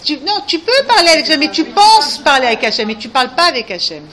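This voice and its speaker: A woman's voice: sits high, very animated, quick pace, bright, forceful tone. A woman giving earnest spiritual guidance to a group, coaxing and often asking if they understand. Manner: earnest, coaxing, repeats questions. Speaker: religious teacher.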